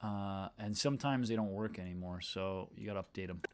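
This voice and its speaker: A man's voice: low voice, brisk, heavy background noise. Man thinking aloud while editing. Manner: thinks aloud, trails off and restarts. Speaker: video editor. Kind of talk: casual livestream talk while editing.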